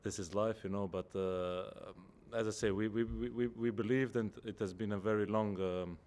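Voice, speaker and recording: A man in his thirties, a footballer, answering press conference questions in a measured way and searching for words, at a table microphone in an indoor press room. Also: on the low side, steady tone, a little mellow, slight background noise. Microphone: table microphone in front.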